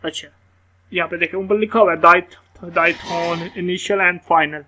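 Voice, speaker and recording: A man giving a casual phonics lesson, explaining word sounds and slowly spelling out examples. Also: high-pitched, steady tone, pushed and bright, a little hiss or hum. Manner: casual, explanatory, repeats words slowly letter by letter. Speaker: English teacher. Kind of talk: screen-share phonics lesson.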